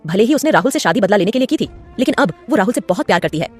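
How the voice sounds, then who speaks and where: A woman voicing a loyal, hot-tempered old male family retainer who scolds and shouts in an audio story. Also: mid-range voice, animated, rapid-fire, soft background music, lightly acted. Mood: furious.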